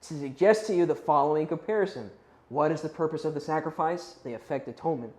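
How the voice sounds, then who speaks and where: A man whose voice is on the high side and a little mellow speaks at a quick pace while teaching a youth Bible class. Conversational and relaxed, he checks in with his listeners and shows uncertainty over some Hebrew and Greek pronunciations, recorded with a roomy echo.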